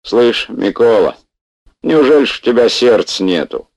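Man reading a hefty dim young patient, whiny, pleading, high strained pitch, dry close sound. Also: lively intonation, normal speed, darkish tone, no echo, lightly acted, poor audio. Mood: whining. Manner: whining, pleading.

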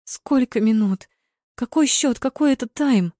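A woman's voice: on the high side, measured pace, dark tone, no room sound, clean studio sound, voice pushed up. Woman doing a shrieking young woman football fan. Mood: frantic. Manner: shrieking, swearing at the screen.

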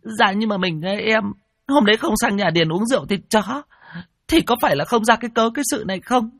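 Guy putting on a whiny crying village wife voice, way up high, dry sound. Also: big pitch swings, normal speed, no room sound. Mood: wailing. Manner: whiny, tearful pleading. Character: wailing young village wife, fretful.

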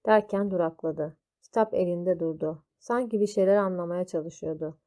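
A woman reading a children's story aloud, slow and deliberate. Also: fairly low pitch, mellow.

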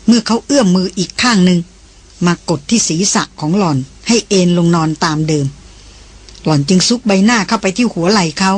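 A mid-pitched audiobook narrator with a husky, breathy grain, reading a novel in slow, drawn-out phrases. The delivery stays steady and measured throughout.

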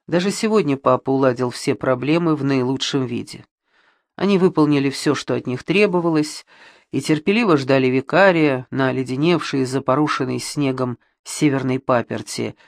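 A woman's voice: low-pitched, no echo. Woman narrating an audiobook. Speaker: audiobook reader.

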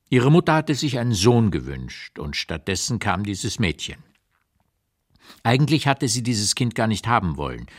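In a literary radio play, a low-voiced actor gives an exaggerated performance as an 85-year-old writer, blunt and looking back on his life. He reads his memoir notes with measured, deliberate emphasis, in an observant, candid mood.

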